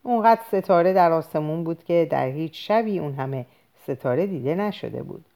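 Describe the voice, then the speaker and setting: Female audiobook reader, low voice, lively expressive delivery, dramatic literary narration.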